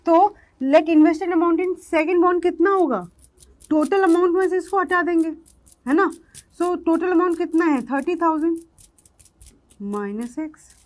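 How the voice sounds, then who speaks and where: High-pitched woman, patient maths tutor who keeps asking the class questions. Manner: explains step by step, asks the class questions. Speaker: maths teacher. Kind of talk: online maths lesson.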